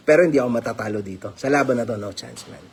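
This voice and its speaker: A man's voice: mid-range voice, big pitch swings, brisk, slight background noise. A man talking casually to his viewers as a vlogger, teasing and laughing often and mixing English phrases into his talk. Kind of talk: casual commentary vlog.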